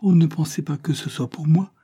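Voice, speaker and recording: A man's voice: fairly high pitch, fairly even intonation, brisk, mellow, husky, voice pushed up. A man reading aloud, voicing a desperate young noblewoman who begs her lover not to leave. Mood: imploring. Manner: impassioned, imploring.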